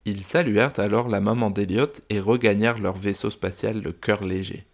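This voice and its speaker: A man narrating a children's bedtime story in a calm, gentle reading voice. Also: lowish voice, moderate pace.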